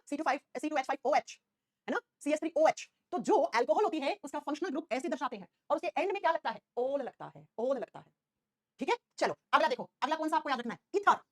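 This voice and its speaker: A woman's voice: sits high, no room sound, clean studio sound. A woman teacher giving an online class, constantly questioning her students and answering herself.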